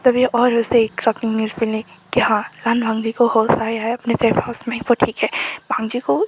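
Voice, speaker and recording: A woman narrating a romantic fan story in a soft, plain voice that often sinks toward a near whisper, recorded close to the mic. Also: fairly high pitch, monotone, normal speed, a little hiss or hum, rough recording. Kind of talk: casual fan-fiction narration.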